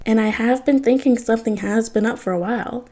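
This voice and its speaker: A woman's voice: on the high side, fairly quick, dark tone, lightly acted. A woman doing a sly scheming weather witch. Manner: sly, knowing.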